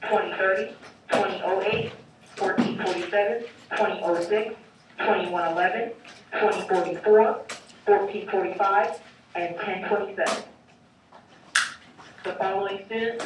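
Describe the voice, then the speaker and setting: School intercom announcer, heard through a distant classroom speaker, steady list-reading delivery, very roomy sound. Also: medium pitch. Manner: reads lists of names and bus numbers in a steady announcing tone. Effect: school intercom loudspeaker. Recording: echoey loudspeaker heard from far off with faint noise.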